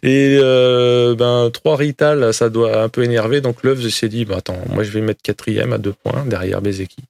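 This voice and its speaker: Gravelly man doing casual motorsport commentary. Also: medium pitch, steady tone, moderate pace, a little mellow, no echo, studio quality. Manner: colloquial, joking, slangy. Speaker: motorsport podcast host recapping a race.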